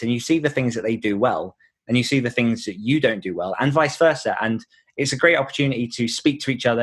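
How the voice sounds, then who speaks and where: He has a medium-pitched, slightly rough voice with a fairly bright tone. A podcast host and author, he is the one answering questions in a conversational interview, sincere and explanatory as he thinks aloud.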